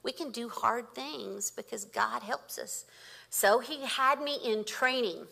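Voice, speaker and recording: Bright-voiced woman in her fifties. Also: fairly high pitch, takes it slowly, vocal fry. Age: 50s. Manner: animated storytelling with laughter. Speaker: guest speaker. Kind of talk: sermon.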